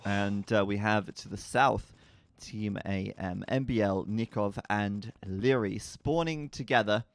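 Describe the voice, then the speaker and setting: Chatty low-voiced male game caster. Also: unhurried, no room sound, clean studio sound. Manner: chatty, laughs easily. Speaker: esports caster. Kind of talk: live game commentary. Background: faint background music.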